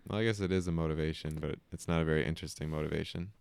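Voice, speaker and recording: A man's voice: very deep voice, fairly even intonation, rapid-fire, gravelly, a little mellow, clean tone, no echo. A man co-hosting a casual movie review chat, laid-back with dry jokes. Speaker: podcast co-host.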